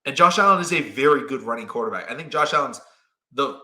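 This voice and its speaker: A young man hosting a sports talk show, arguing his points and acting out players in quick quoted asides. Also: mid-range voice, lively intonation, pushed and bright. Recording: roomy echo.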